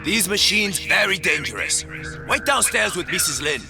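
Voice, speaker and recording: Shrill addled gunsmith with Chinese accent. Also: male voice, lively intonation, moderate pace, vocal fry, over music. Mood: dismissive warning. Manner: shouting, clipped broken English. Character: agitated Chinese gunsmith, addled and shouting over machines.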